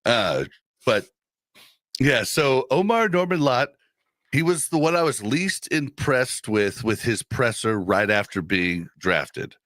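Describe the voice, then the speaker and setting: A man's voice: mid-range voice, animated, slow, a bit bright, no echo. A man co-hosting a casual sports podcast, talking with a slight lisp from a retainer in a laid-back, rambling way. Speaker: podcast co-host.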